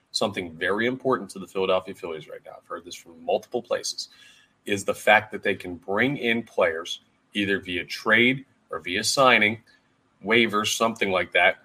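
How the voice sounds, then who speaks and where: A man hosting a solo sports podcast, talking energetically and casually with frequent fillers, his voice a bit hoarse. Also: lowish voice, bright, forceful tone. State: hoarse, voice going. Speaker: podcast host.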